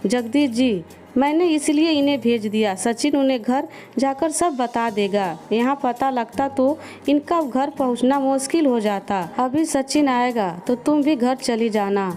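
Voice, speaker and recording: A woman's voice: high-pitched, unhurried, mellow, faint music behind. A woman voicing a worried middle-aged family elder in a storybook tale, speaking in an earnest, reasoning way.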